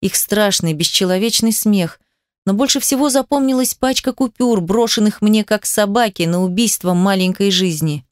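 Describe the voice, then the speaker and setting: A woman's voice: mid-range voice, moderate pace, no room sound, clean studio sound. A woman reading a first-person story aloud in an emotive, dramatic audiobook style. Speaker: narrator. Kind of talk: scripted audiobook narration.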